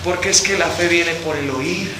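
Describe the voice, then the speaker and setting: A man pastor preaching a sermon in a church hall, impassioned and alternating between loud and soft. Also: on the high side, normal speed, a little hiss or hum. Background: congregation answering.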